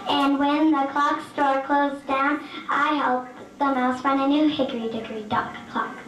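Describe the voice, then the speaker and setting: A woman's voice: high-pitched, level tone, a little slow, a bit bright, reverberant, soft background music, rough recording. A woman playing a spunky young girl detective in a mock advertisement. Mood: perky.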